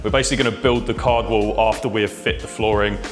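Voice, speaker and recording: A man's voice: lowish voice, fairly even intonation, quick pace, over music. A man giving a casual, informal video tour to camera indoors, explaining things in loose, filler-laced phrases. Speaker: vlogger and shop owner. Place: indoors in a shop being fitted out.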